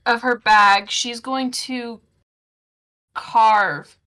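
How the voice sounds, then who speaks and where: A woman with a bright voice plays in a tabletop game. She talks in a casual, direct way, firing off questions and saying what her character does. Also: fairly high pitch, fairly even intonation. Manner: casual and direct, asking the dungeon master quick questions. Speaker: player.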